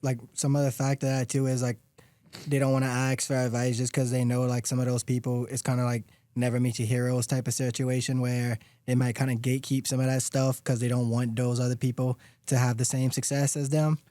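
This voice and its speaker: A man's voice: medium pitch, little pitch movement, fairly quick, warm tone, no room sound. A man chatting casually as an interviewer. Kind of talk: casual chat.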